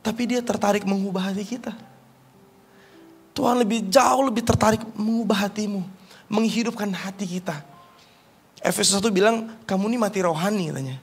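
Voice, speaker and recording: A man preaching a sermon as pastor, moving between raised emphatic lines and soft, intimate asides. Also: high voice, fairly quick, pauses often, husky, faint music behind.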